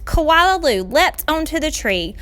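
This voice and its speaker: Reading to young children in a high-pitched voice, a woman takes on a teacher's style, delivering the storybook with deliberate pacing and dramatic expression.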